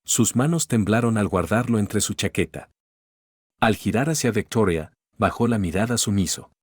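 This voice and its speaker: A man narrating a dramatic story from a script in a measured way. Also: on the low side, a little mellow, slightly rough, no echo, clean studio sound.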